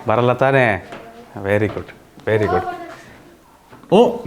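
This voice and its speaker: Teaching kids online, a man speaks slowly and expressively in a fairly low voice, quizzing them often with checking questions and slipping in English words. The single-mic class recording is very noisy.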